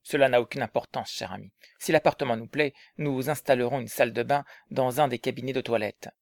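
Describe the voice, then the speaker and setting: Gravelly-voiced man playing a young lover. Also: mid-range voice, brisk, natural voice. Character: affectionate young man in love, eager and secretive. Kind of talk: dramatized story reading.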